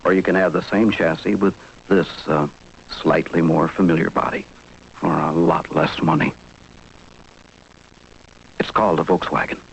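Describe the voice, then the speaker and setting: A man's voice: deep voice, fairly even intonation, normal speed, vocal fry, pauses often, slight background noise. A man playing an assured car salesman in a vintage commercial, clipped and conversational. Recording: dull, muffled old commercial.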